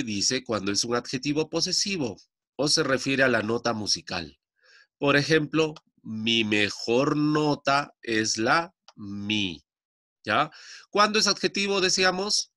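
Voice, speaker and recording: A man's voice: medium pitch, sharp tone, dry recording, studio quality. A man teaching a classroom grammar lesson, explaining patiently and checking understanding often.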